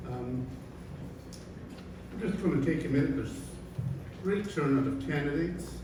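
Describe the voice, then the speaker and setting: The chamber of commerce president, a man, moderates a candidates forum in a large echoey bar hall, giving informal remarks with a hesitant, filler-heavy, halting delivery. His somewhat high voice is picked up by a distant mic across the noisy, reverberant room, with room ambience behind.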